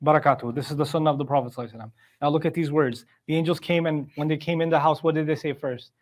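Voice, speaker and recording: A man's voice: on the high side, steady tone, very fast. A man giving a Quran commentary lesson, reciting Arabic verses and explaining them in English in a conversational way, with rhetorical questions. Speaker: Quran teacher.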